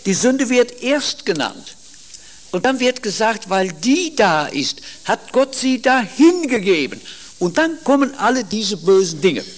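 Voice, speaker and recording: A man's voice: high-pitched, very animated, a little slow. A man preaching a sermon, quoting scripture and stressing single words with emphasis. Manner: quotes scripture verses aloud.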